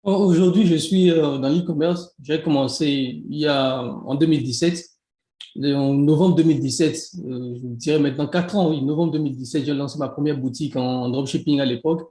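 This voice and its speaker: A man from Benin talks in a casual interview in a Beninese French accent. His voice is a little high and mellow, and his speech is full of restarts and easy laughter. The room around him echoes. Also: brisk. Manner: hesitant, many restarts, laughs easily. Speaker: guest, e-commerce coach.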